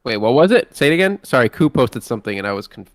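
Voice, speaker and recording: A man's voice: mid-range voice, sing-song, fast talker, no echo. A man co-hosting a casual podcast chat, joking and teasing the others in a sleepy way. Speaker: podcast co-host.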